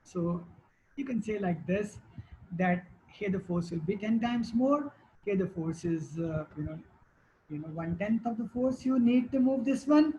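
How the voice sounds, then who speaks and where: Slow-speaking teacher woman. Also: mid-range voice, animated, warm tone, a little hiss or hum, poor audio. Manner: slow, quizzes students and repeats answers. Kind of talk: classroom lecture.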